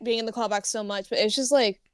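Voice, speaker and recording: A woman chatting on a podcast in a relaxed way, full of fillers. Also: on the high side, fast talker, crowd noise. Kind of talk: casual podcast chat.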